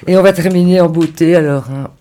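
Host: man, higher-pitched, chatty, keeps the talk moving. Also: brisk, dark tone. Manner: chatty, short encouraging replies. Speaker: radio host. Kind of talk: casual radio interview.

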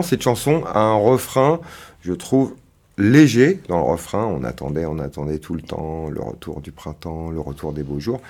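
Low-voiced hesitant man, radio guest. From Canada. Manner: hesitant, many fillers, trails off softly. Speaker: guest singer-songwriter. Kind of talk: casual radio interview.

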